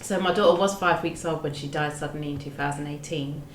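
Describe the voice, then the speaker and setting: A woman from hosts a podcast discussion. She talks in a measured, earnest way and stumbles into small restarts, in a roomy, echoing room. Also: sits low, fairly even intonation, a little hiss or hum. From London, England. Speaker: podcast host. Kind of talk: podcast discussion, partly read from research notes. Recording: roomy echo.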